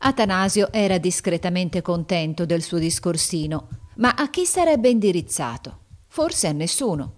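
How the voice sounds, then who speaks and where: Narrator, woman, lowish voice, measured storybook reading. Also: lively intonation.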